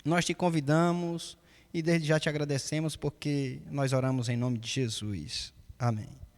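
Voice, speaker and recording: A man's voice: fairly high pitch, fairly even intonation, measured pace, in a large hall. A man leading an earnest, solemn spoken prayer. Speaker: prayer leader.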